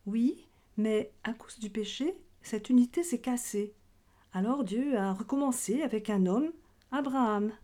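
Higher, mellow-voiced woman teaching children. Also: a little slow. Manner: simple, explanatory address to children. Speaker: catechism teacher. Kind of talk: children's religion lesson in question-and-answer dialogue.

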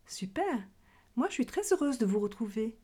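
Higher, mellow-voiced woman teaching children. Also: big pitch swings, moderate pace, breathy edge. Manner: simple, explanatory address to children. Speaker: catechism teacher. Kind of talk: children's religion lesson in question-and-answer dialogue.

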